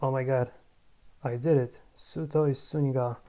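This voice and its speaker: A mid-range voice at an ordinary pace belongs to a language learner vlogging casually about pronunciation. They mutter, correct themself, go over words repeatedly, and break into excited moments.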